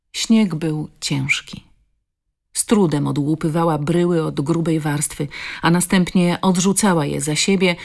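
A woman narrating an audiobook in a measured, steady storytelling manner. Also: low voice, vocal fry. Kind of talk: scripted narration.

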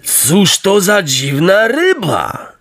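A man voicing a greedy fisherman in a storybook reading, savoring each word slowly and chuckling over his catch. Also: a little high, big pitch swings, fairly bright tone, dry recording, studio quality, full character voice. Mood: astonished. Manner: slow, relishing, chuckling. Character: greedy, gloating fisherman, adult male.

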